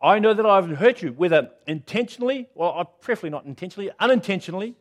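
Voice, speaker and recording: A middle-aged man preaching a sermon as pastor, earnest and self-deprecating, moving between loud appeals and hushed moments. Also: high voice, expressive, fast.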